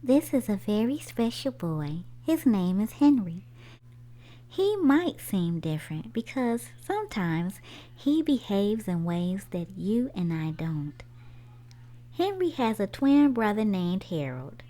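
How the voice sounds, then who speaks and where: A woman reads a children's picture book aloud in a lively storytime manner, asking questions of the young audience. Her pitch is medium and her pace is slow.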